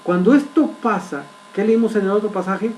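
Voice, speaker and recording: A man preaching a sermon, telling a story vividly and pausing often to ask his congregation rhetorical questions. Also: sits high, darkish tone, slight background noise, poor audio. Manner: vivid storytelling with dramatic pauses.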